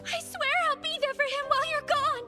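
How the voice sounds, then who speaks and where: A woman's voice: very high voice, steady tone, fairly quick. A woman playing a sweet, naive, emotional young circus girl in a video game, earnest and childlike. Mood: tearful resolve. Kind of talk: video game character voice acting. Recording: long reverb, faint music behind.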